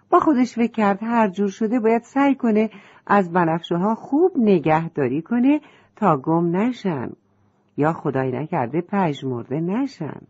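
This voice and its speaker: A woman narrating a children's story in a gentle storytelling manner. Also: fairly low pitch, breathy edge, muffled recording.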